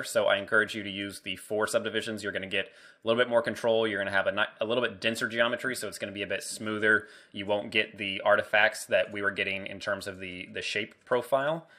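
A man's voice: fairly low pitch, fairly even intonation, fast talker, fairly bright tone. A man walking through a 3D modeling screencast tutorial in a casual way, thinking aloud as he works. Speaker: 3D modeling instructor.

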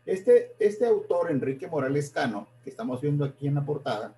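A man lecturing on history over a live stream, his voice a little high for a man yet dark and mellow in tone. He talks in halting stretches, doubles back on words and corrects himself mid-sentence. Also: big pitch swings, slight background noise. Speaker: history presenter.

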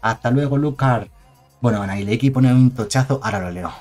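A man's voice: medium pitch, a little fast, darkish tone, faint music behind. A man with a Spain Spanish accent giving chatty, digressive live-stream commentary on game cards and reading chat aloud.

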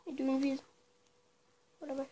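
High-voiced woman narrating a game. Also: completely flat delivery, moderate pace, mellow. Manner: muttering low, then bursting into startled shrieks and swearing; chatty with viewers, talks to the game creatures. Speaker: let's play gamer. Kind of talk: casual game commentary.

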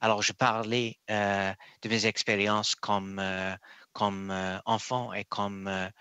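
Halting man answering a hearing panel. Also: lowish voice, flat delivery, pushed and bright, clear, resonant tone, no room sound. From England. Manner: halting, searching for words, many restarts. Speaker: Supreme Court nominee. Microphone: video call.

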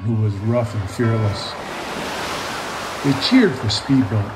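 This man in his fifties, an author and illustrator, reads a picture book aloud to children and guides them through drawing. He talks slowly in a lowish voice, using simple, casual words and tossing in encouraging asides for young viewers. Background noise is audible.

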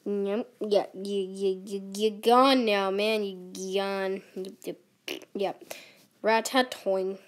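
Slow-talking goofy young gamer woman. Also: fairly even intonation. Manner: rambling, goofy, with sudden squeaky outbursts. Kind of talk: casual gameplay commentary.

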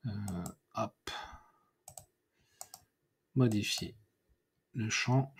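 A man giving a screen-recorded software tutorial, thinking aloud and correcting himself as he clicks through menus. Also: fairly low pitch, slight background noise. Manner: unhurried, thinking aloud with many fillers and self-corrections. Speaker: WordPress tutorial instructor.

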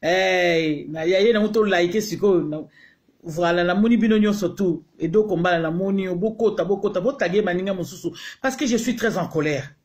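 Running a casual live stream, a Congolese host welcomes each viewer individually, heated and repetitive, switching between French and Lingala. He talks at a normal speed in a voice that sits high.

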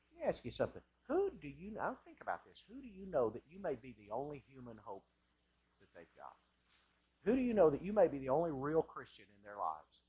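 Husky-voiced preaching pastor. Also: male voice, fairly high pitch. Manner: impassioned preaching, swinging from loud to hushed. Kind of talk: sermon. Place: church sanctuary, indoors.

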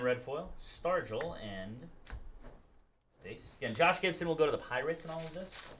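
A man's voice: medium pitch, fairly bright tone, slight background noise. A man in his thirties hosting a live card break in a studio, reading out cards and thanking buyers by name.

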